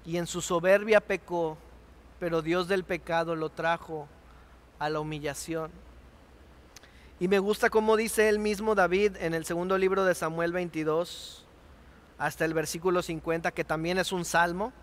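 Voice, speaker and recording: A male pastor with a Mexican Spanish accent preaching a sermon, swinging between impassioned outbursts and hushed, quiet passages. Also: high voice, fairly even intonation, moderate pace. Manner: impassioned, rises to near shouting on quoted laments then drops to hushed.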